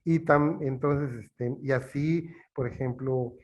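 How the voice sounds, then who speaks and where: A man teaching in an interview, from Yucatán in Mexico with a Yucatán Spanish accent, explaining slowly and haltingly with many fillers. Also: medium pitch, steady tone.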